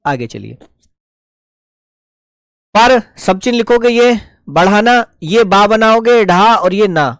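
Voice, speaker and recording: A man's voice: sits high, animated, slow, long pauses, a bit bright, no echo, clean studio sound. A man teaching a live online shorthand class, explaining each stroke step by step and patiently answering his students.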